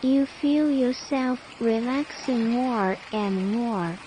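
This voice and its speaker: A woman guiding a meditation in a soft, soothing, spa-like delivery. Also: a little high, slow pace. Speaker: relaxation guide. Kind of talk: guided meditation narration. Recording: noisy ambient background sound.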